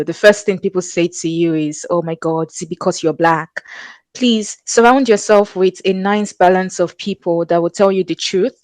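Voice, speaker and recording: A woman speaking as a panelist in a webinar talk, confident and animated as she tells her story. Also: fairly low pitch, no echo. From Nigeria.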